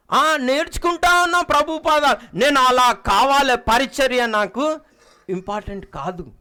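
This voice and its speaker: A middle-aged man preaching a sermon, emphatic, swinging between loud exhortation and quiet low asides and calling out questions to the congregation.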